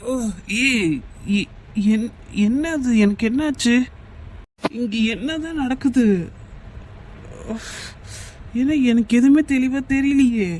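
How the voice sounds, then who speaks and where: Man playing a young cartoon man, high male voice, scolding, dazed. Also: a little fast, fairly bright tone, a little hiss or hum. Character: young man Arun, drugged and confused. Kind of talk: animated cartoon dub.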